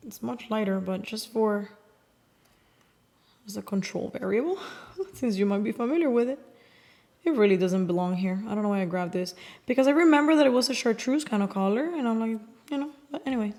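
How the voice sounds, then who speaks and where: A woman's voice: a little high, moderate pace, a little mellow. Woman, nail polish reviewer, chatty and offhand, close to the mic, sometimes whispers. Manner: chatty, swears casually, sometimes drops to a whisper. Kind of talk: casual swatching chat.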